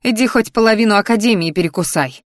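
A woman voicing a defiant young woman who snaps back with sharp, scornful retorts. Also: medium pitch, fast, no room sound, clean studio sound, voice pushed up, lightly acted.

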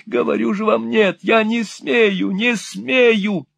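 A man voicing a greedy, terrified old miser who squeals and wails in a shrill voice. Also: fairly even intonation, slow pace, gravelly, muffled recording, heavily acted. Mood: frantic.

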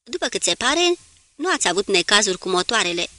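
A courteous, world-weary male naval commodore in an audiobook, read by a woman. He speaks formally and politely. The voice is bright and the recording is dry and close. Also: mid-range voice, very animated, dry recording.

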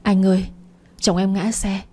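A woman's voice: medium pitch, little pitch movement, measured pace, dark tone, natural voice. A woman voicing a manipulative young wife who whimpers and clings. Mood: whimpering.

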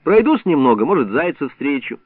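A man's voice: fairly high pitch, sing-song, fairly quick, dry recording. A man voicing an eager, affectionate young male village schoolboy, recorded dry with a narrow, phone-like sound. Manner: eager, exclaiming.

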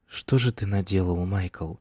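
A man's voice: sits low, unhurried, breathy edge, no room sound, clean studio sound. Man voicing James, a tearful young student. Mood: trembling. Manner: quiet, tearful.

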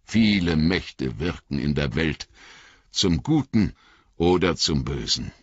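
Gandalf, a man doing a deep, slow, grave old wizard. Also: lively intonation, slightly rough, no echo, lo-fi sound, heavily acted. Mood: grave, kindly.

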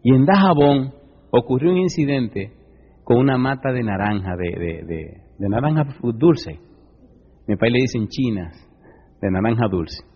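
A man's voice: medium pitch, animated, unhurried, husky. A Dominican man with a Dominican Spanish accent, preaching as a pastor and questioning his congregation. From Dominican Republic. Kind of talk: sermon. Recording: echoey hall, dull lo-fi sound.

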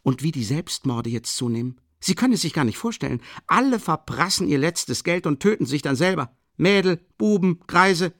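A man's voice: fairly high pitch, animated, moderate pace, few pauses, fairly bright tone, no echo, clean studio sound, voice pushed up. A man voicing a pompous, talkative middle-aged police official in an audiobook, chatty and indignant. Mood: gossiping. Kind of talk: audiobook character reading.

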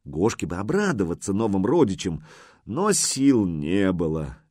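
A male narrator reading a story with an animated, rising and falling voice. The recording is close and dry, with no room around it. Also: deep voice, unhurried, dry recording. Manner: expressive storytelling. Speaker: audiobook narrator. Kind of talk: scripted narration.

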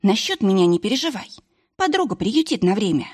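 A woman's voice: mid-range voice, very animated, a little fast, a little mellow, breathy edge. A woman reading an audiobook voices a stubborn, tipsy young wife with a pouty, defiant manner.

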